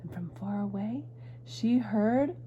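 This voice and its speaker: Lively woman reading a picture book aloud. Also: medium pitch, slow pace, muffled recording, noisy background. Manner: lively storybook reading with voiced characters.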